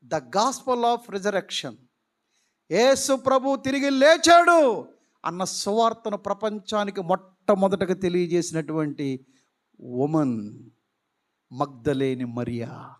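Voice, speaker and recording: Male pastor, very high voice, slow deliberate sermon delivery with rhetorical questions. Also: expressive. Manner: preaching with rhetorical questions, mixing in English phrases.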